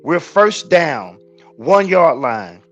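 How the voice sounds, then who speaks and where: A man's voice: on the high side, sing-song, drawn-out words, fairly bright tone, dull audio, faint music behind. A man ranting angrily about a football loss on a podcast, exasperated and emphatic. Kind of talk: heated sports rant.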